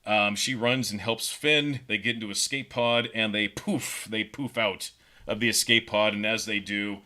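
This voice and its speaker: A man hosting a podcast, casually pitching a story scene by scene in a rambling way with lots of fillers. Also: fairly even intonation, moderate pace, pushed and bright. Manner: rambling, filler-heavy retelling. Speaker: podcast host.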